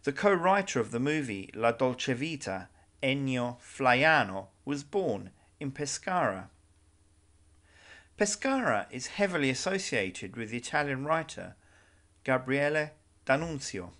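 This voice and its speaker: Male narrator for a travel guide video, measured delivery with wry asides, mid-range voice. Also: medium pitch, big pitch swings, fairly bright tone.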